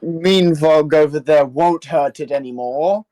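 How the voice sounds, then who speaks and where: A gentle creature coaxes a small beast in a slow, soft and soothing voice, as a man puts it on. It talks unhurried and kind, with a tabletop game master behind it. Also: a little high, close to an everyday voice.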